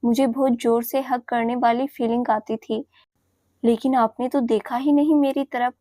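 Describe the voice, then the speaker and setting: A woman's voice: a little high, fairly even intonation, normal speed, dark tone, no echo, lightly acted. A woman voicing a playful, affectionate young woman in love, talking in a coaxing, teasing, sweet way.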